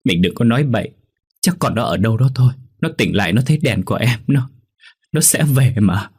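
A man's voice: sits low, lively intonation, normal speed, breathy edge. A man voicing a grieving mother who wails and pleads for her drowned son, in a spoken ghost story. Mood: desperate pleading. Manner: sobbing, pleading cries.

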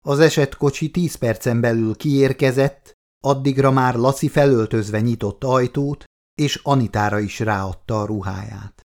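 Male audiobook narrator, steady and even, mid-pitched.

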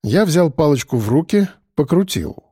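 A man reading a first-person story aloud in an expressive, wry way. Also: fairly high pitch, moderate pace, husky, dry recording, clean studio sound. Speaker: audiobook narrator. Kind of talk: first-person scripted narration.

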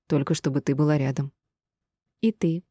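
A woman's voice: sits low, steady tone, normal speed, mellow, no echo, clean studio sound. A woman voicing a decisive, ardent older man courting his beloved. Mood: tender.

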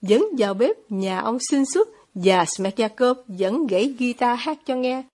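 Woman audiobook narrator, measured and steady, husky, slightly high. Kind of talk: audiobook narration of a classic novel.

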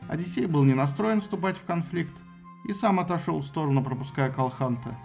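Gravelly man narrating an audiobook. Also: fairly high pitch, fairly quick, highs cut off, soft background music. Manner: expressive, ironic storytelling.

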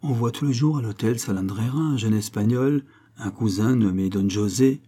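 A man's voice: lowish voice, moderate pace, mellow, lightly acted. A man reading the part of a kind, teasing young nobleman in an audiobook.

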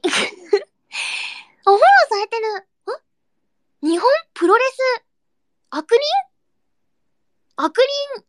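Very high-voiced excitable young woman. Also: dry recording, clean studio sound. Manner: excitable, bursts into high squeals and giggles; cutesy, baby-talk endings. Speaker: streamer hosting a live audio chat. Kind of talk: casual chat reading listener comments.

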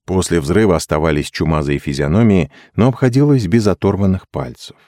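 A man narrates a novel aloud with expressive first-person delivery. His voice sits low with a dark, mellow tone. The sound is dry and close. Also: fairly quick, no echo. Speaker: audiobook reader. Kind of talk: literary audiobook narration.

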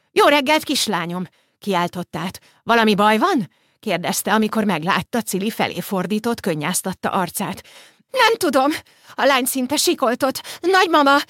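Low-voiced woman narrating an audiobook. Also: no room sound, clean studio sound. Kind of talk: scripted narration.

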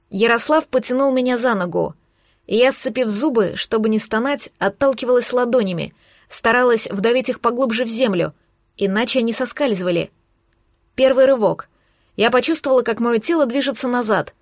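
A woman with a fairly high voice reads a novel aloud in the first person. Her narration is steady and expressive. The recording is dry and close, with no room sound. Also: moderate pace, no echo. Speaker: audiobook narrator.

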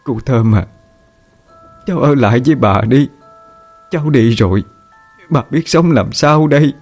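A man's voice: mid-range voice, measured pace, darkish tone, soft background music, pitched above the performer's own voice. A man voicing a weeping grandmother over 60 who blames herself. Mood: tearful guilt. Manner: lamenting, self-blaming. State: crying. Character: weeping old grandmother full of guilt.

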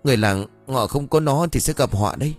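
A man's voice: mid-range voice, fast, faint music behind, natural voice. A man doing an anxious young wife. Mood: worried. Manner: worried, soft-spoken.

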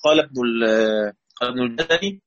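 A man's voice: mid-range voice, brisk, lo-fi sound, music in the background. A man with an Egyptian accent teaching a recorded lesson on Quranic readings, patiently repeating key words and quizzing his students. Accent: Egyptian Arabic.

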